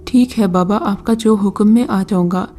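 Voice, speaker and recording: A woman's voice: medium pitch, mellow, natural voice. A woman voicing a poor, desperate young man who pleads in a flustered way in a storybook reading. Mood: pleading.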